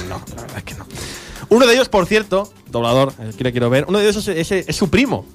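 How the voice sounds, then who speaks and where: A man's voice: a little high, fairly quick, faint music behind. A man hosting a podcast, joking as he reviews a video game's voice acting. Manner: joking, animated. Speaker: podcast host. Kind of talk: comic game review chat.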